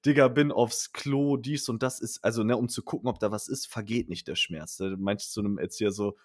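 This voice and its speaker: Young man, lively storyteller, dry close sound. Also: lowish voice, fairly quick, no echo. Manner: slangy, animated storytelling with acted quotes. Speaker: storyteller in a chat. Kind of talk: casual chat.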